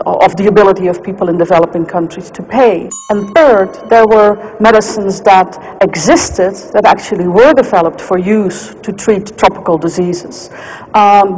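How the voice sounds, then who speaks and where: A woman speaking unscripted in a documentary interview, making her points deliberately with emphatic repetition. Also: mid-range voice, a little mellow. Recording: reverberant room with faint noise.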